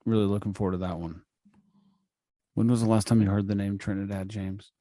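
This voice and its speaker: A man co-hosting a podcast in casual chat, playful and teasing, often clearing his throat, talking over a remote call. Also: lowish voice, level tone, a little fast, warm tone, no room sound, clean studio sound. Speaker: podcast co-host. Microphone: remote call mic.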